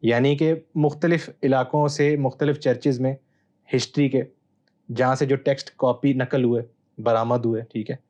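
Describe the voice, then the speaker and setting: A man, a Bible scholar guest, explaining texts in a measured, teacherly way with hesitant pauses. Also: mid-range voice, steady tone, a little mellow, dull audio. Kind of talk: explanatory interview answer.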